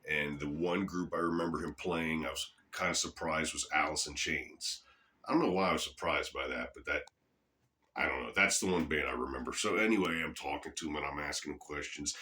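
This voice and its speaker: A man's voice: rumbling low, pushed and bright. A middle-aged man telling a rambling, casual story to camera, swearing freely. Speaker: channel host.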